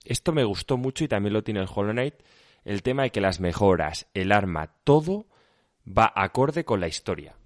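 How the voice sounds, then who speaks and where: A man's voice: fairly low pitch, lively intonation, normal speed, no room sound, clean studio sound. A man with an Andalusian accent chatting casually about video games, emphatic and colloquial, swearing now and then. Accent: Andalusian Spanish.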